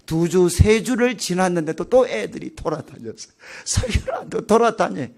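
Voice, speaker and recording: A man's voice: high-pitched, lively intonation, a little fast, gravelly, darkish tone. A middle-aged man, a pastor, telling a personal story in a revival sermon, acting out his own outbursts.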